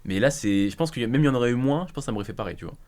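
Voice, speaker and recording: A man's voice: mid-range voice, animated, rapid-fire, darkish tone. A man, co-hosting a casual podcast chat, rambling with many fillers and restarts. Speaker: podcast co-host. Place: podcast studio.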